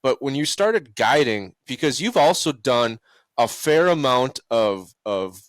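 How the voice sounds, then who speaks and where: A man hosting a podcast, asking questions in a relaxed, conversational way. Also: mid-range voice, measured pace, no echo. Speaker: podcast host. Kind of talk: casual interview chat.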